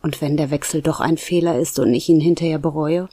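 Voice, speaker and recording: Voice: mid-range voice, fairly even intonation, fairly quick, warm tone, dry recording, close to an everyday voice. Hesitant young guy full of doubts, storyteller doing him, dry sound. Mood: doubtful. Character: unsure young man facing a job choice.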